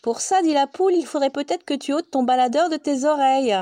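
A woman's voice: high-pitched, brisk, warm tone, no room sound, pitched above the performer's own voice, lightly acted. A woman doing a fretful musing hen. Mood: probing. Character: fretful pondering hen, female adult.

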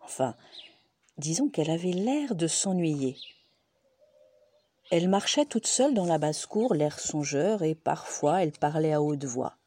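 A woman gently narrating a storybook in a soft, low reading voice. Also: animated, measured pace, slightly rough.

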